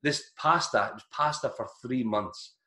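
A man, a former soldier, telling stories in a casual chat with a lively, laughing delivery. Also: medium pitch, normal speed. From Scotland. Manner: animated, laughing storyteller who acts out voices. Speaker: guest, ex-soldier.

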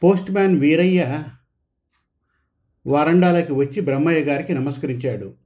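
A man reading a story aloud in an even, measured narration. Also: on the high side.

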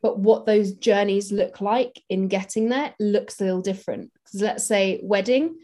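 A woman's voice: medium pitch, normal speed, warm tone. A woman, a makeup artist, talking casually and practically in an interview, with many fillers.

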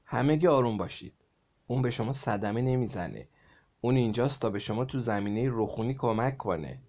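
A man voicing a calm male teacher who reassures a frightened class, reading a storybook aloud. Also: medium pitch, close to an everyday voice.

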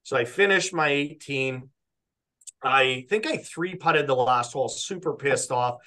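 A young man from Canada, a podcast guest, telling a rambling, animated story in casual chat and often quoting himself. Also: mid-range voice, a little slow. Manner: rambling, animated retelling with quoted self-talk and frequent "like".

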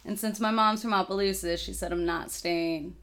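A woman's voice: mid-range voice, steady tone, normal speed, fairly bright tone. Twenty-something woman from texas, chatty guest rambling thru her family story, casual interview.

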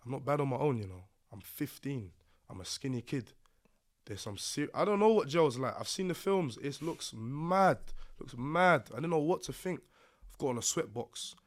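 A man with a London accent tells a personal story in a casual podcast setting. His delivery is roadman street talk, thick with slang, and his voice sits at a medium pitch. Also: lively intonation, normal speed. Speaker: podcast guest.

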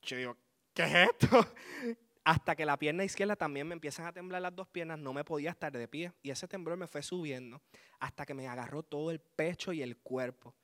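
A man, giving a lively spoken testimony to a congregation and chuckling as he tells his story. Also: fairly high pitch, fairly quick.

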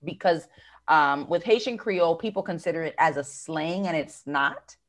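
Appearing as an interview guest, an American woman with a notably low voice talks about running her business. She is expressive, conversational and thoughtful, pausing on fillers and restarting phrases.

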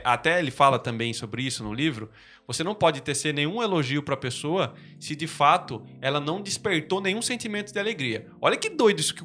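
Brazilian guy hosting a podcast, kinda high bright voice, lots of "né?", faint music behind. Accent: Brazilian Portuguese. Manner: explains with examples, many restarts and "né?" tags. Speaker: podcast host. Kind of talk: casual podcast discussion.

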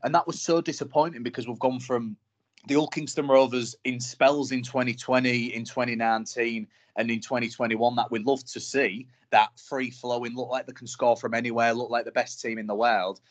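A man chats about rugby league on a podcast. His voice sits at an ordinary middle pitch. He talks in the animated, frustrated way of a devoted fan. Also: moderate pace. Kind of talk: casual sports chat.

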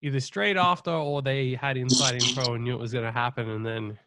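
A man's voice: medium pitch, steady tone, fairly quick, heavy background noise. A man hosting a podcast in casual sports betting banter, teasing and swearing freely. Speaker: podcast host.

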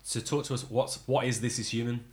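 A man's voice: medium pitch, fairly even intonation, a little fast, a little mellow, slightly rough. A man hosting a podcast, introducing guests and teasing them in a casual, jokey way. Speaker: podcast host. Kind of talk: casual chat.

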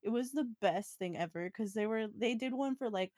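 A woman's voice: fairly high pitch, moderate pace, a little mellow, dry recording, studio quality. A young woman co-hosting a casual podcast, rambling with many fillers and frequent giggles. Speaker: podcast co-host. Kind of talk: casual chat. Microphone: home mic, online call.

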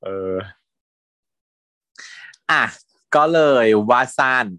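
A man co-hosting a casual chat, recapping a series in an animated, giggly way and mixing in English words. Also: extremely slow, no room sound, studio quality. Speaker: hospital worker who does shifts.

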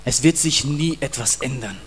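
Sneering accusing Satan voice, low and creeping, put on by a male preacher mid-sermon, faint hum behind. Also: fairly bright tone, long reverb tail, natural voice. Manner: low, slow, half-whispered taunting.

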